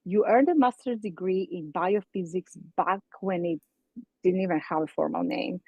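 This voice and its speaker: A woman's voice: lowish voice, moderate pace, creaky, darkish tone, husky, dry recording, highs cut off. A woman from Greece acting as guest host, reading a formal introduction and asking interview questions. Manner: formal, reads introduction from script. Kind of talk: podcast interview.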